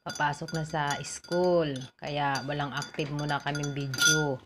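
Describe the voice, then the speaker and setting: Low-voiced woman vlogging from home. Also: little pitch movement, measured pace, background noise. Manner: chatty, explaining step by step. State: has a cough. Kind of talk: casual home vlog.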